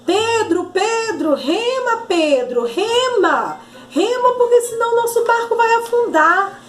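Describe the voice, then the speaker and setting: A panicked male disciple in a storybook Bible tale, acted out by a woman, crying out frantically in a high, strained voice. The room sounds roomy, with soft music playing underneath. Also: sing-song, slow pace, full character voice. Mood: urgent. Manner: frantic, shouting in alarm.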